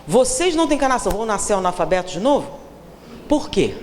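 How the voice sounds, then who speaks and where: In a lecture hall with reverb and faint room noise, a Brazilian seminar speaker talks fast in a mid-range, slightly mellow, very animated voice. With her Brazilian Portuguese accent, she needles the audience with questions and acts out the people she quotes.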